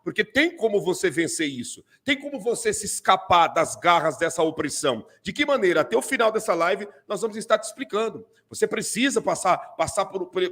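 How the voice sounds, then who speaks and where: A man with a Brazilian Portuguese accent, a pastor commenting on video clips during a live stream, animated and full of repeated fillers. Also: sits high.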